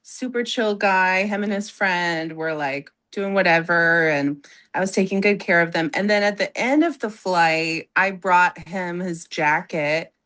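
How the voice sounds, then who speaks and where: A woman guest on a podcast tells an anecdote in a relaxed, giggly way. She acts out the lines she quotes from others and keeps the talk light. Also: on the low side, unhurried. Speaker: guest, background actor and stand-up comic. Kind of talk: casual storytelling.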